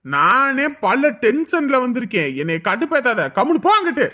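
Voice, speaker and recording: A harsh, bitter husband snaps orders and mutters threats of revenge. His voice is high and piercingly sharp, and it stays cold and bossy throughout. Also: very animated, normal speed, exaggerated voice. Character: bitter, angry husband, vengeful.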